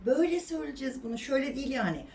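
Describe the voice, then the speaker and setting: A woman whose first language is Turkish, teaching English pronunciation in a lively way and repeating words slowly to model them. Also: high-pitched, distant mic, slight background noise. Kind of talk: pronunciation lesson.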